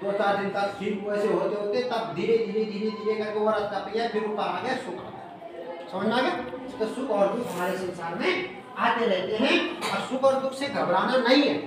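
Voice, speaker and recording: High-voiced village teacher quizzing pupils. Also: male voice, moderate pace, recorded from a distance, crowd noise. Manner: call-and-response questioning of pupils. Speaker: schoolteacher. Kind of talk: classroom poetry explanation. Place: village school classroom. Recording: echoey classroom, recorded from afar, children around. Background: pupils murmuring.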